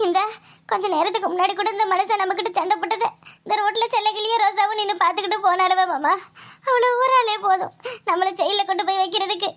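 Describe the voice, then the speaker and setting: A woman doing a shrill wailing cartoon daughter-in-law. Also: fairly even intonation, quick pace. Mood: fretful scheming. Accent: southern Tamil Nadu village dialect. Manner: sobbing, loud lamenting. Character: wailing village daughter-in-law, scheming, theatrical. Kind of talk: cartoon voice acting.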